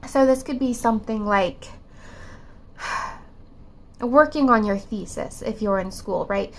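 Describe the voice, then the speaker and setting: A tarot reader gives a pick-a-card reading, her voice still affected by a cold. She muses hesitantly with many fillers and restarts, speaking slowly in a mid-range voice.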